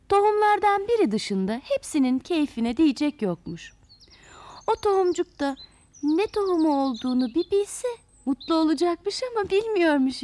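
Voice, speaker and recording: A woman narrating a children's story in an expressive storyteller manner, speaking to young listeners. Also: high voice.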